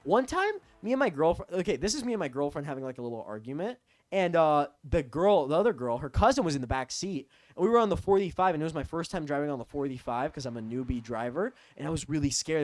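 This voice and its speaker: Animated, high-pitched young man ranting. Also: no room sound. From Texas. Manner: rambling, profane, animated. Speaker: vlogger. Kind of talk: storytime rant.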